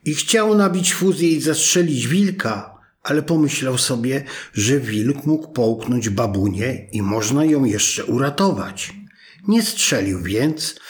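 A man reading a fairy tale aloud as narrator, in an expressive storytelling manner. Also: mid-range voice, slow.

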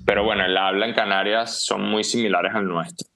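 A man's voice: lowish voice, fairly even intonation, brisk, bright, forceful tone, slight background noise. A man, co-hosting a casual podcast chat and teasing with mock-serious jokes. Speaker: podcast co-host.

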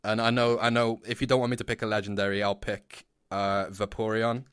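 A man's voice: fairly low pitch, little pitch movement, fairly quick, a bit bright, clean tone, dry recording, clean studio sound. A man in his twenties hosting a podcast in casual chat, laughing often and swearing as he rambles. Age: 20s. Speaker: podcast host.

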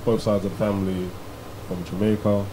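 Deep-voiced south London young man. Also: level tone, fairly quick. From Croydon, south London, England. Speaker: streetwear brand member being interviewed. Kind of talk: casual interview chat. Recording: clearly noisy background ambience.

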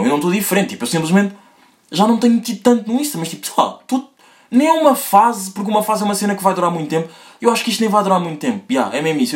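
A young man hosting a solo podcast in a rambling, slangy, casual way, his pitch jumping up when he gets excited. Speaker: podcast host.

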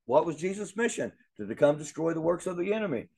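A man's voice: fairly high pitch, very animated, fast, creaky, darkish tone, slightly rough. A man teaching a Bible lesson in an earnest way, often repeating words as he thinks aloud.

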